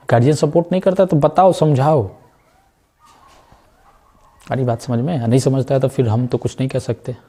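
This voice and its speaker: A man's voice: mid-range voice, warm tone. A man teaching a math class, chatty and joking, often stopping to ask if the students understand. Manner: keeps asking if students understand, jokey asides. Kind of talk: chatty classroom lesson with side talks.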